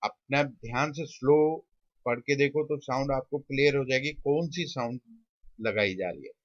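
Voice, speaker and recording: A man, teaching a shorthand lesson. He drags out sounds slowly and mixes English terms into his teaching. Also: medium pitch, dry recording, highs cut off. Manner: slow, stretched-out sounding of words, mixing English terms. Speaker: shorthand tutor. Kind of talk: classroom lesson.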